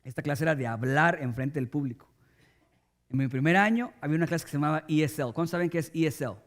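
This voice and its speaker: A man's voice: a little high, fast talker. A male pastor preaching a sermon with emphasis, speaking straight to his congregation. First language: Spanish.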